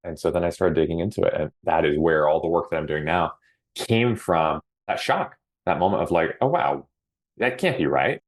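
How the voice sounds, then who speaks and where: A middle-aged man from Hawaii, appearing as a podcast guest, speaks in a notably low, deep voice at a moderate pace. Relaxed in the casual interview, he sounds earnest and reflective, drawing out the words he wants to stress.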